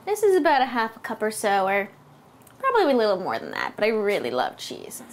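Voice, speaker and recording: A woman in her thirties with an American accent, a food blogger and cooking host, demonstrates a recipe to camera indoors in her home kitchen. She explains each step clearly, her mid-range voice moving a little fast with wildly swooping pitch.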